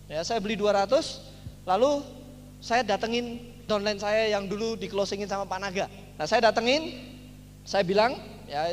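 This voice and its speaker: A man speaking at a seminar, telling a story in an animated way and acting out the dialogue. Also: high voice. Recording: long hall reverb, faint noise.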